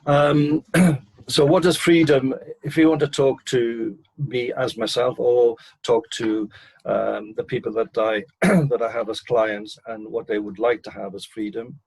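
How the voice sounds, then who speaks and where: An older man, a managing director, answering interview questions in a measured, hesitant way, clearing his throat between points. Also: medium pitch, fairly even intonation, a little mellow, poor audio.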